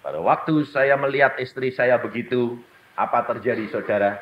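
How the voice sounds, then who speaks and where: A man preaching a sermon, swinging between loud, high exclamations and low murmurs. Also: moderate pace, muffled recording, a little hiss or hum. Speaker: evangelist preacher.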